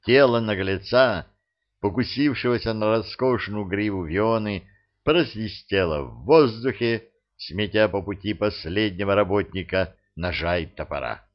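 A man narrating a humorous fantasy audiobook, bringing the characters to life in an expressive reading. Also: fairly low pitch, a little slow, lo-fi sound. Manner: expressive storytelling, acting out the characters. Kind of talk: scripted narration.

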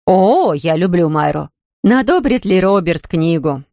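A woman's voice: lowish voice, lively intonation, a little slow, mellow, dry recording, studio quality. A woman reading an audiobook, voicing a nosy, chatty rich lady who keeps prying.

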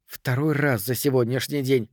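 A man's voice: mid-range voice, steady tone, moderate pace, dry recording, studio quality, close to an everyday voice. A man voicing a fed-up young woman who answers with biting sarcasm. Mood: angry.

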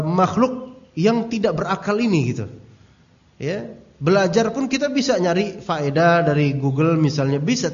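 A male Islamic teacher giving a religious study lecture, his voice sitting a bit high for a man. He keeps it casual and joking, tells anecdotes and talks straight to his listeners. The recording sounds dull and lo-fi. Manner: addresses audience directly.

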